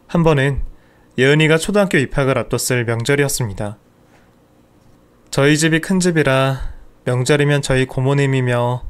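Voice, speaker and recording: A middle-aged man narrating a first-person family story at a calm, measured pace. His pitch sits at an everyday middle height. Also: clean tone.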